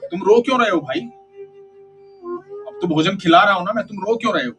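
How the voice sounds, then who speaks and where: A man's voice: sits high, animated, a little fast. Cranky old devotee, voiced by a male storyteller. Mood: grumpy. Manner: grumbling, irritated. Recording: distant voice over loud flute music.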